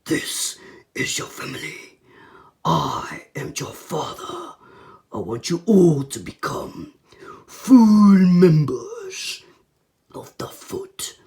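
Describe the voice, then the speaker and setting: A man voicing a menacing, grandiose ninja clan master from a movie in a slow, solemn, breathy half-whisper. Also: on the high side, wildly swooping pitch, dark tone, voice pushed up, full character voice. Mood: menacing, commanding.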